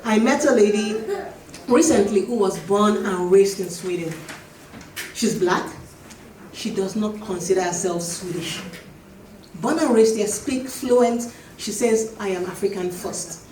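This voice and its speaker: Woman panel speaker, mellow tone, roomy hall sound. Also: mid-range voice. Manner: reflective, emphatic, slows to stress points. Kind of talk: panel discussion answer. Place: event hall. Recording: echoey hall, distant mic, faint noise.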